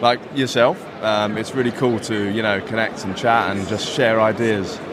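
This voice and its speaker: Relaxed man, noisy event interview. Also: fairly low pitch, normal speed. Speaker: business development director. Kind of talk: vox pop interview.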